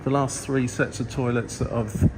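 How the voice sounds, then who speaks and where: A man's voice: mid-range voice, fairly even intonation, moderate pace, very noisy. A man giving casual, rambling travel vlog commentary in a chatty, hesitant way. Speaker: travel vlogger.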